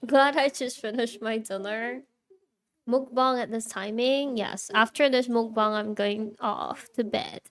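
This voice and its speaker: A woman's voice: on the high side, fairly even intonation, a little slow. A young woman streaming live, chatting casually with her viewers, reacting and laughing often while answering chat.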